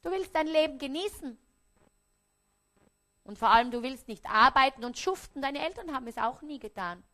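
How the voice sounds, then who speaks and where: A woman with an Austrian accent, preaching a parable on stage before an audience, often dropping to a hushed, quiet voice. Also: high voice, animated, moderate pace, long pauses. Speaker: stage speaker.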